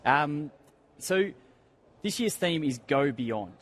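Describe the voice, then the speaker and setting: A man's voice: on the high side, expressive, slow pace, fairly bright tone. A man hosting a live event interview, putting questions to a guest in a conversational way. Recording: faint background noise.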